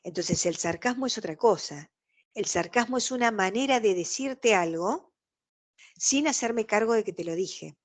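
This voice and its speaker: A woman's voice: medium pitch, lively intonation, normal speed. Woman, Rioplatense accent, online lecturer, explanatory, video call audio. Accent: Rioplatense Spanish. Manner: explanatory, acts out quoted dialogue.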